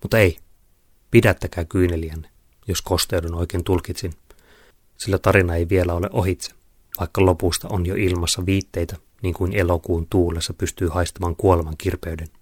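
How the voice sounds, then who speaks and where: A man narrating a dark tale in a solemn, theatrical manner, speaking directly to his listeners. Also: sits low, level tone, husky, dry recording, studio quality. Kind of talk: dramatic storytelling narration.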